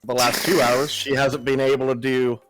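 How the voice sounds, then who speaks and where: A man's voice: medium pitch, little pitch movement, moderate pace, a bit bright, dry recording, soft background music. A male streamer chatting casually, telling an anecdote and quoting others as he explains. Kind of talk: casual livestream chat.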